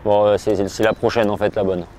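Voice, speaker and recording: A man commenting casually while fishing at a pond, relaxed and hesitant, often restarting his sentences. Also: on the low side, fast. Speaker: fishing angler presenter. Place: outdoors by a pond.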